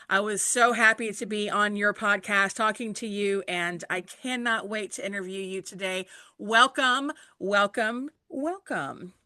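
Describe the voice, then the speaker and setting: A woman's voice: mid-range voice, no echo. A woman hosting an interview show on a video call, friendly and chatty as she talks with her guest. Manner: warm, chatty, laughs easily. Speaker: interview host. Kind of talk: casual interview talk.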